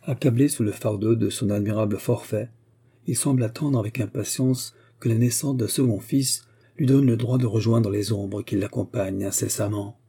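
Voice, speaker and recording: Dark, husky male audiobook narrator. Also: lowish voice, steady tone, normal speed. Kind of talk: classic literature audiobook narration.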